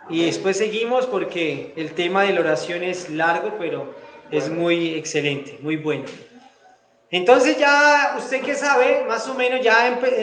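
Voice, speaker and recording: A man with a high voice preaches at a slow, deliberate pace. He swings between emphatic bursts and quiet, fervent prayer. His voice rings out in an echoey church room. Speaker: pastor. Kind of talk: sermon and spoken prayer.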